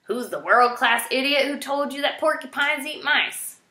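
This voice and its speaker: A woman voicing a gruff, crotchety old male porcupine in a children's storybook, blunt, indignant and exasperated. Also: high-pitched, moderate pace, pushed and bright, roomy sound, pitched above the performer's own voice. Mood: grumbling. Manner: bellowing, grumbling, indignant.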